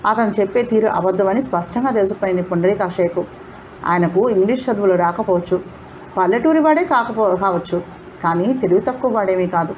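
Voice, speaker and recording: A woman narrating an audio novel in an expressive, dramatic storytelling manner. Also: mid-range voice, fairly quick, a little hiss or hum, rough recording.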